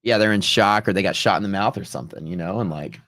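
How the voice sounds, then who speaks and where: A low-pitched, fairly bright male voice moves quickly as this Texan livestream host, a futures trader, tells stories in a relaxed, wandering, slangy style. There's no echo.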